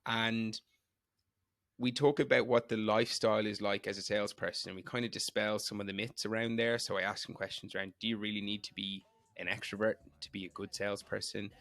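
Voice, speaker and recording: A man's voice: lowish voice, creaky, a bit bright, dry recording. A man hosting a podcast in a conversational style, explaining things and putting questions plainly to listeners and guest. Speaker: podcast host. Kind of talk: conversational podcast introduction and interviewing.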